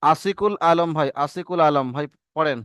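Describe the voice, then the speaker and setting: A man's voice: a little high, moderate pace, fairly bright tone, smooth, no room sound, studio quality. A man with a Bengali accent teaching an online class over a video call, patient, repeating drills and asking the class to answer together. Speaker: Quran reading teacher. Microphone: video call microphone.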